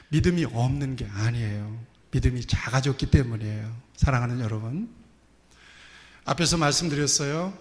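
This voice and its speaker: A male pastor delivers a sermon in a voice of middle pitch. He tells his stories in an animated way and speaks directly to the congregation. The sound carries a long reverb from the church hall. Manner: animated storytelling, acting out quoted voices. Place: church sanctuary.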